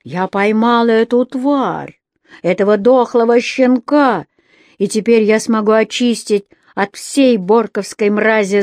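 A woman reading a storybook, voicing a furious male robber chief who threatens his daughter in a gruff, commanding way. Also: mid-range voice, darkish tone, no echo, studio quality, lightly acted.

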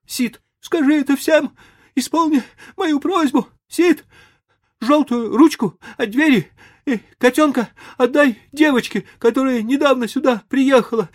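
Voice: high voice, unhurried, pitched above the performer's own voice. A whiny, melodramatic boy. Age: child.

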